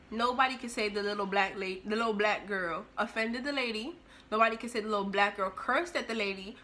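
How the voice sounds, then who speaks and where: A young woman vlogger telling a story in an animated, expressive way, acting out the scene as she goes. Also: medium pitch, a little hiss or hum. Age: young adult. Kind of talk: storytime vlog.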